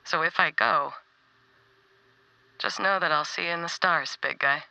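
Heartfelt, low-voiced warrior woman. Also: creaky, bright, forceful tone, dry recording, full character voice, rough recording. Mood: tender, resolute. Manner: heartfelt, halting, confiding. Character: tender, stubborn woman warrior leaving a farewell message. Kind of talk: video game character acting.

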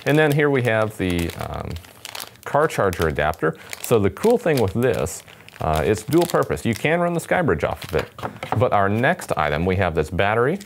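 Very animated, a man in his twenties runs through a casual, upbeat product demonstration for a radio company, speaking to camera at a table in an indoor studio. His voice is on the low side at a normal pace, and the background is noisy, with music playing.

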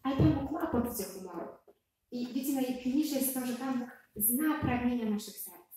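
A woman in her thirties telling a lively personal story to an audience, speaking to them directly between fillers. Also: fairly high pitch, normal speed, faint music behind. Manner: animated, addresses listeners directly, with fillers. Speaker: speaker giving a faith testimony. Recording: very echoey hall sound.

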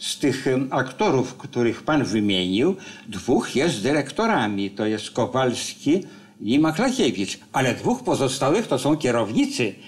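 An older man talks slowly in a studio chat, drawing out his words and rising and falling in a lively way. He pauses with hesitations and slips in dry jokes. His pitch sits in the middle. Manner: slow, drawn-out delivery with hesitations and dry jokes. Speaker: film critic. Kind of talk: casual studio talk about a film. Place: studio set with armchairs.

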